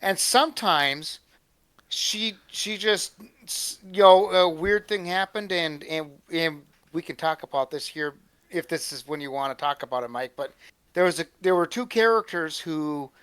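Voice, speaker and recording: A man co-hosting a casual chat, rambling and halting as he talks. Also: a little high, a bit bright, smooth, no echo. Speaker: co-host.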